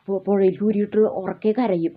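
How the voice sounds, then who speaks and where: A woman's voice: mid-range voice, fairly even intonation, fairly quick. A woman, telling a children's folk tale in a homely, repetitive way. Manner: homely, repetitive, with many fillers and restarts. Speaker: storyteller. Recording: tinny phone-like sound.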